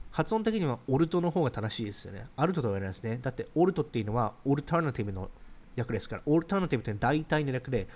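With a mid-range, darkish voice, this thirty-something livestreamer reads out viewers' comments and responds in a quick, conversational way. He explains his ideas while reacting to what people write.

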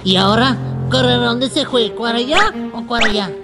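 A childlike boy elephant acted by a man mutters and grumbles in a high voice with a Mexican accent. It is a kids' costume show with loud music underneath. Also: moderate pace. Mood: eager. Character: childlike little boy elephant, left out and eager. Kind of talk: children's costumed-character skit.

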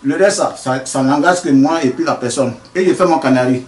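A man's voice: mid-range voice, brisk, darkish tone, roomy sound. A man, a traditional healer answering interview questions earnestly, often restarting his sentences. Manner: explains earnestly with many restarts.

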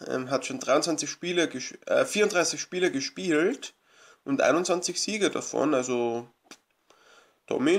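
A gravelly, slightly higher-pitched man talks through a management game as a let's play host. His commentary is loose and rambling, with lots of hesitations and restarts. He comes across as eager and thankful toward his audience. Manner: chatty, rambling, many fillers and restarts; grateful, eager. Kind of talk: casual gameplay commentary.

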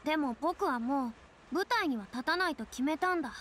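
An actress voices a proud, theatrical young woman in an anime-style game, a retired star who refers to herself in boyish ways, sounding haughty, dramatic, resolute and wistful. Her high-pitched voice has lively intonation at a normal speed, recorded in a studio over game music with a noisy background.

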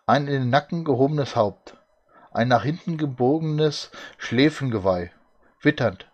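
A man voicing a tiny, loyal male alien servant in a hushed, deferential way, in a story reading. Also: mid-range voice, lively intonation, measured pace, lo-fi sound.

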